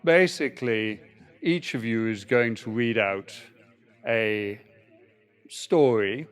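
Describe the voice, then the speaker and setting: A man's voice: medium pitch, slow pace, clean tone, close to an everyday voice. A man playing an old-fashioned Victorian ghost on a comedy podcast, talking in a dry, bemused way. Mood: amused. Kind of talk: comic podcast role-play.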